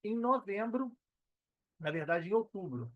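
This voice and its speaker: Very animated yet unhurried, a high-voiced man in his thirties chats casually while being interviewed on a podcast. He is a personal trainer and affiliate marketer with a Minas Gerais Brazilian Portuguese accent. There's no echo, and the recording is dull, dry, and lo-fi.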